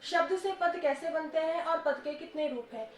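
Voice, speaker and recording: A woman with a high voice teaches a school grammar lesson. She scolds and coaxes her pupils to answer. The classroom sounds echoey, with faint noise behind. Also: moderate pace.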